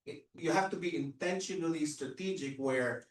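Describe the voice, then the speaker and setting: A mid-pitched man shares his approach on a discussion panel, often hesitating and restarting his phrases. He is picked up at a distance in a reverberant room. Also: moderate pace. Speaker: real estate agent panelist. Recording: echoey room, mic at a distance.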